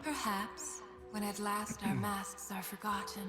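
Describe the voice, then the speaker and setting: A woman's voice: medium pitch, lightly acted. A woman as Lamb, a serene spirit of death. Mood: serene, tender. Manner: calm, measured, poetic. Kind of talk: dramatic game character dialogue. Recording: music behind the voice.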